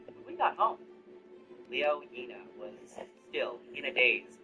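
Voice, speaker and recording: Brief: male narrator, first-person story, lively up-and-down pitch, music playing underneath. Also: slow pace, highs cut off. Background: background music.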